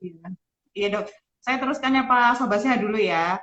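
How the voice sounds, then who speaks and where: Female live-stream host. Slightly high pitch, speech filtered through a face mask, courteous and conversational. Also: normal speed, fairly bright tone, muffled recording. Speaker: host, doctor. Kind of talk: live-stream interview hosting. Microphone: speaking through a face mask on a live video call.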